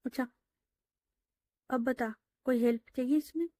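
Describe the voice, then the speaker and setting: A woman voicing Vidhi, an affectionate young woman who comforts and coaxes her friend with gentle questions. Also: high-pitched, unhurried, no echo. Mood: comforting. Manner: comforting, coaxing with tag questions.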